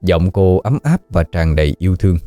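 A man narrating a ghost story audiobook in a slow, somber storytelling manner. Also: low voice, expressive, mellow, dry recording, soft background music.

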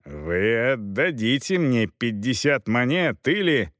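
Male reader doing a stubborn, cutting knight, lively pitch, dry close sound. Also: slow, no room sound. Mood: angry. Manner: cutting, accusing. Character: proud male knight, cold, haggling, quick to anger.

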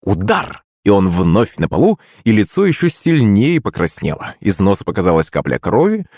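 A man reading a novel aloud as narrator with expressive storytelling. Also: lowish voice, moderate pace, dry recording, clean studio sound. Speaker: audiobook narrator. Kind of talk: scripted narration.

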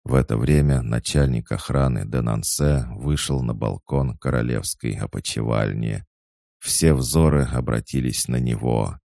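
A man's voice: a bass voice, unhurried, creaky, no echo, studio quality. A man reading a historical novel aloud as an audiobook narrator, giving every character a voice. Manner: reads all characters, raising voice for shouted lines.

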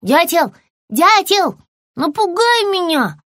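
A woman voicing a small, anxious young female lizard in a storybook, with high, pleading, childish squeaks. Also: very animated, normal speed, no room sound, studio quality.

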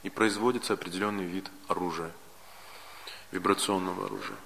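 A man giving a lecture in a Russian accent, listing points in a measured way and repeating key words. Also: low voice, steady tone, gravelly, a bit bright, slight background noise. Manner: measured, enumerating points with repetitions. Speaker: lecturer on Vedic philosophy. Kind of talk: spoken lecture. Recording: archival lecture recording with long hall reverb.

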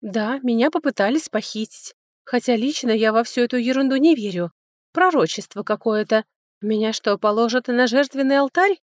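A woman reading an audiobook performs a sarcastic, touchy young noblewoman who mocks her older sister, mocking, biting and quick to snipe. The voice is fairly high, pitched above the performer's own yet natural, expressive and a little mellow, with studio quality and no room sound.

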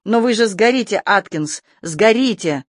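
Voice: medium pitch, lively intonation, a little slow, dry recording, clean studio sound. An audiobook reader voicing a desperate man who orders and begs a comrade to jump. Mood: urgent pleading. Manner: pleading, commanding.

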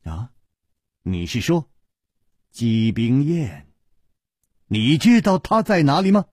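A male storyteller voicing a calm, clever hero who answers quietly with a wry smile. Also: mid-range voice, slow, husky, dry recording, clean studio sound, pitched above the performer's own voice, heavily acted.

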